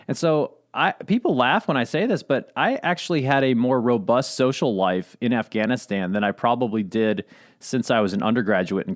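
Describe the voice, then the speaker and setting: A middle-aged man co-hosting a podcast, chatting in a relaxed way and laughing easily. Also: mid-range voice. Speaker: podcast co-host. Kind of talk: casual conversational podcast.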